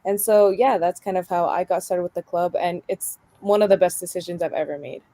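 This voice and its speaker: A young woman talks conversationally in an interview. Her voice is soft-edged and dark, a little low, and recorded dry with hardly any room. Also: steady tone, fairly quick, no room sound. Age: 20s. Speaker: club soccer player and founder.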